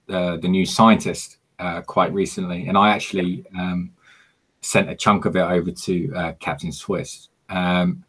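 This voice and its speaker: A man hosting a casual livestream Q&A, talking haltingly with many ums and restarts. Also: deep voice, a bit bright. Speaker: host of a livestream Q&A. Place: home in South Korea.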